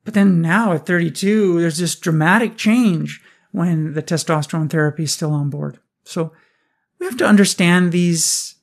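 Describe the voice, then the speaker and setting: A man hosting a podcast, briskly explaining research findings and asking rhetorical questions. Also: fairly high pitch, creaky. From Canada. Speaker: podcast host. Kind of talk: scripted research review.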